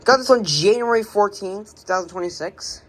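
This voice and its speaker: In a noisy home recording, a hobbyist speaks at normal speed in a medium-pitched voice while presenting his radio collection near the shelves. It's casual and unscripted, with rambling, hesitation, and trailing-off phrases.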